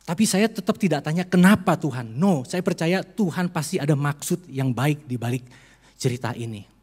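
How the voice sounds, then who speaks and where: A man's voice: fairly high pitch, moderate pace, a little mellow, breathy edge, big-room sound. A male pastor preaching a heartfelt sermon in a church, telling a personal story to his congregation. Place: church sanctuary during a service.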